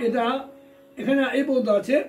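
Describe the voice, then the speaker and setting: A man's voice: very high-pitched, steady tone, fairly quick, distant mic. A man with a Bengali accent teaching guitar, singing note names and explaining a raga exercise. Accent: Bengali, West Bengal. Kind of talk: music lesson, singing sargam. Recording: voice from off-mic over loud guitar.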